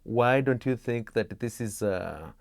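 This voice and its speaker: A middle-aged man from Kenya, explaining his theatre work in an interview, measured with many pauses and restarts. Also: mid-range voice, expressive, creaky, dry recording.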